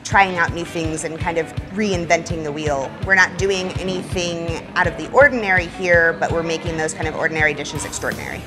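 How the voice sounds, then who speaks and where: A young woman chef talks in an interview for a competition show. Her voice sits on the low side. Music is clearly heard behind her. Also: brisk, hardly any pauses. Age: young adult. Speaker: executive chef, contestant. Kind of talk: on-camera interview. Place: indoors at a brewery. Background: background music.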